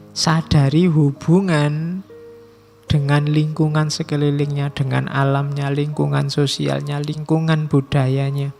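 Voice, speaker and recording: A middle-aged man giving a philosophy lecture, measured and slowing down to stress key terms, with casual asides. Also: mid-range voice, gravelly, a little mellow.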